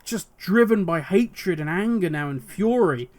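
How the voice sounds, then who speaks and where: This man has a notably high voice, and his throat sounds worn and increasingly hoarse. Hosting his own commentary video on game lore, he muses aloud and rambles passionately through his thoughts, expressive and a little mellow at a measured pace.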